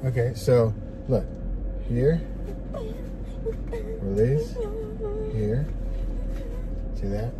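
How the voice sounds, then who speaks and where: A man with a mid-pitched voice gives a driving lesson as the instructor. He speaks in short, directive commands and repeats them. The recording has clear vehicle noise around him. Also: expressive, very slow, pauses often. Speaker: driving instructor, teaching a learner. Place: inside a parked or slowly moving van. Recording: noisy inside a vehicle.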